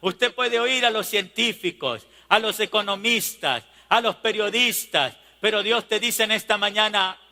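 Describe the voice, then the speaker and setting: A male pastor preaching with a high, bright, ringing voice. He delivers slow, impassioned lines and hammers home repeated refrains. The sermon carries a long reverb from a large church hall.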